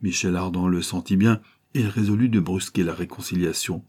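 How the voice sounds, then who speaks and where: Low, husky male audiobook narrator. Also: fairly even intonation, brisk, a little mellow. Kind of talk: scripted novel narration.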